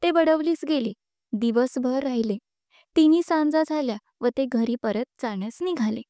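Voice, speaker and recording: A woman storyteller reads a story aloud with an expressive, measured delivery. Her voice is high-pitched and mellow, and the recording is close and dry. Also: dry recording. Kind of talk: storytelling narration.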